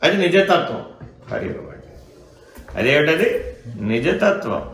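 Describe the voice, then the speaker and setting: A man's voice: on the high side, big pitch swings, measured pace, a bit bright. A man giving a question-and-answer spiritual discourse as a teacher, keeping his listeners engaged with rhetorical questions. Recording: echoey room.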